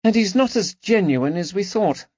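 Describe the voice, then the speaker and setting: Pitching high and loud, a male narrator acts out a quavering, dramatic noblewoman in her forties, her speech rising as her bitterness and distress grow. The performance is heavily acted with big pitch swings and a slightly slow pace, captured in a dry, somewhat dull recording.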